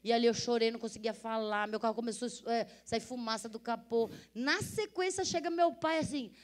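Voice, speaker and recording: A woman's voice: a little high, a little fast. A middle-aged woman, an interview guest telling a story with lots of energy, acting out voices and laughing often. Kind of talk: animated storytelling.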